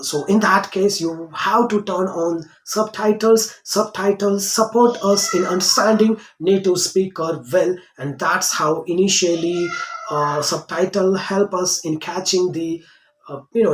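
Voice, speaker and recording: A teacher giving a lesson, explaining step by step and repeating key phrases. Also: mid-range voice. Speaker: English teacher. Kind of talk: spoken English lesson to camera. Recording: roomy echoing room.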